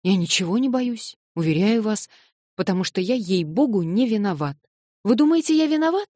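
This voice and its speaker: A woman reading an audiobook and voicing an eager, flustered young man who excitedly protests his innocence. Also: mid-range voice, moderate pace, dry recording, studio quality, pitched above the performer's own voice, close to an everyday voice. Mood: excited pleading.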